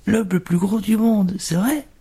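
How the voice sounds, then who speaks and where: A man voices a nosy restaurant cook bursting with gossip. The voice sits high and eager. A gravelly, raspy texture stays underneath. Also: brisk, a little mellow, heavily acted.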